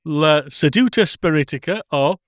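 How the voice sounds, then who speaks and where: A man's voice: a little high, animated, moderate pace, dry recording, clean studio sound. A man co-hosting a podcast, chatting casually with frequent laughs and fillers. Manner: chuckling, rambling, many fillers. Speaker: podcast co-host. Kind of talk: casual chat.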